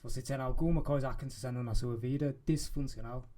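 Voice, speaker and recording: A man in his thirties from Manchester, speaking Portuguese with an English accent, a coach guest who talks haltingly and searches for words. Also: mid-range voice, steady tone, dark tone. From England, Manchester. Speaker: guest, life and business coach. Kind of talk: casual podcast interview. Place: podcast studio in a farm-like setting.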